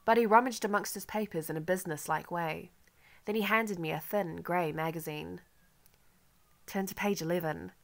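A woman with a lowish voice narrates a literary novel in the first person. Her reading is measured and wry. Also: gravelly, fairly bright tone. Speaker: audiobook narrator.

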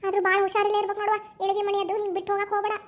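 A woman's voice: extremely high pitch, completely flat delivery. A woman voicing a fussy, doting grandmother and mother-in-law in a cartoon, speaking with a North Karnataka Kannada accent, chiding and coaxing in turn. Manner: chiding yet coaxing, fast. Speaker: cartoon voice actor. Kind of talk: cartoon voice acting.

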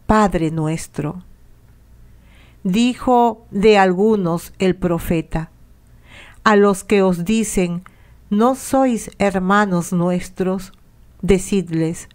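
Unhurried woman reading a liturgy. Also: mid-range voice, darkish tone. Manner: measured, sometimes half-chanted. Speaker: liturgical reader. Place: radio studio.

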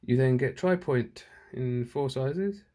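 Taking it slowly in a dark, mid-range voice, a channel host walks through an unboxing at home in a relaxed way. He thinks aloud and corrects himself as he goes, filming one-handed on a handheld phone.

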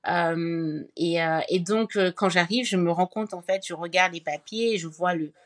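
A woman from Cameroon, a podcast guest, telling her story in a casual interview, pausing often with fillers and restarts. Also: fairly low pitch. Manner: thoughtful, many hesitations and restarts.

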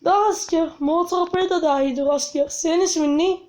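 A man voicing a stern army commander who questions a soldier in slow, clipped lines. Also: very high-pitched, darkish tone.

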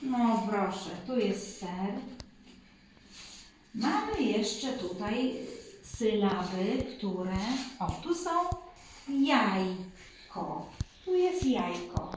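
Slow sing-song preschool teacher. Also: female voice, mid-range voice, big pitch swings, a little mellow, a little hiss or hum. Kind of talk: reading lesson for children. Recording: echoey room, voice from a distance.

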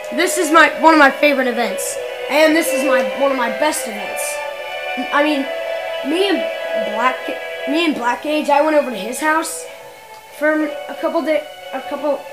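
A woman's voice: sits high, rough recording. A woman giving casual, rambling commentary on her own gameplay, often restarting and correcting herself mid-sentence. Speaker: gameplay video maker. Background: loud video game music.

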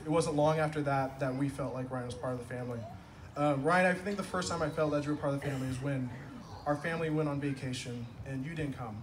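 Man giving a wry best-man toast outdoors. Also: a little high. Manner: wry, self-deprecating storytelling, builds to punchlines. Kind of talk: humorous wedding speech. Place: outdoor garden wedding reception at night. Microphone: far camera across the lawn. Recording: distant phone video with ambient noise.

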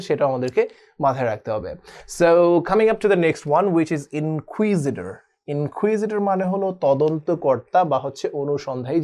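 A man's voice: fairly high pitch, mellow. A man teaching a spelling lesson who mixes English words into his talk and spells words out letter by letter. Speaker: online spelling tutor.

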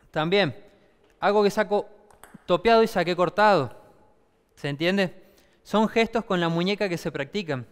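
A man's voice: high voice, clean tone, long reverb tail. A man with an Argentine accent teaching a table tennis clinic, explaining with many rhetorical questions. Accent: Argentine Spanish. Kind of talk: demonstration class.

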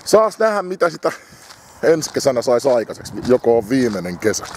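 A man's voice: medium pitch, very animated, darkish tone, slight background noise. Swearing man on a dog walk. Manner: heavy swearing, muttering to himself and his dog. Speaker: vlogger. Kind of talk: rambling walk-and-talk monologue. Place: outdoors on a village road in winter.

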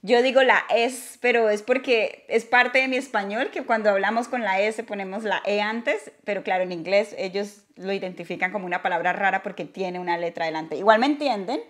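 A woman's voice: mid-range voice, brisk, few pauses. A woman from Colombia with a Colombian Spanish accent, chatting casually in a vlog and joking about her own mistakes. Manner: chatty, self-deprecating. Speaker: vlogger. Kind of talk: casual chat.

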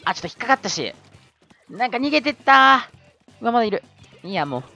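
A man giving live commentary over his own gameplay, excitable, yelling at tense moments and adding self-mocking asides. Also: very high voice, fast, vocal fry, no echo, faint music behind.

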